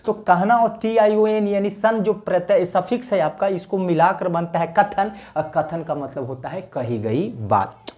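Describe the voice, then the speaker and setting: A man's voice: high-pitched, measured pace, few pauses, a little mellow. A man with a Bihari accent giving a chatty, joking grammar lesson, asking questions and answering them himself. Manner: chatty and joking, asks questions then answers them, calls viewers sir. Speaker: English grammar teacher. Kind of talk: casual grammar lesson to camera.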